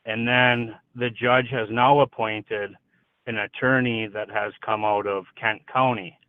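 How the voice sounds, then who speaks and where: A man's voice: lowish voice, fairly even intonation, measured pace, smooth, no room sound. A man with a thick Upper Michigan accent, calling in to a show to explain a question. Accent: thick Upper Michigan (Yooper). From Upper Peninsula of Michigan. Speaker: caller. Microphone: telephone. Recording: tinny, dry phone line.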